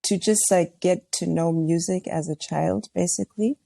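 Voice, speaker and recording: A young woman from Tanzania, chatting in a relaxed way as a podcast guest, talking about her music with many fillers. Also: fairly low pitch, moderate pace, vocal fry, no echo. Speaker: guest, R&B singer and songwriting coach. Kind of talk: casual chat.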